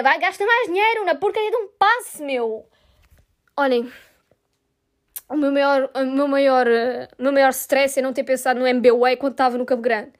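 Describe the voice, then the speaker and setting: A young woman with a European Portuguese accent hosting a casual podcast, venting her frustration with swearing and sarcasm. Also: sits high. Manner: exasperated, swears a lot, sarcastic. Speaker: podcast host.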